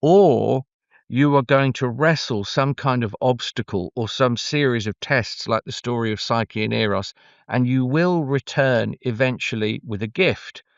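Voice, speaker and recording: A man's voice: medium pitch, measured pace, no echo, muffled recording. A man talking conversationally as an oral storyteller, stretching words for emphasis and shifting gear as he goes. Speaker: oral storyteller, interview guest.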